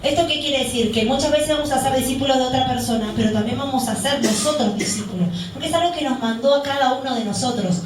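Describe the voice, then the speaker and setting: A woman's voice: high voice, fast, few pauses, slight background noise. A woman deaconess preaching a sermon, often asking the congregation questions and answering them herself. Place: church hall. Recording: very echoey hall, voice picked up from a distance.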